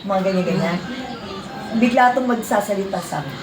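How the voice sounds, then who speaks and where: A woman's voice: mid-range voice, animated, a little fast, over music. A Filipino woman chatting casually and giggly, often restarting and mixing in English phrases. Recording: echoey hall, distant mic, very loud crowd.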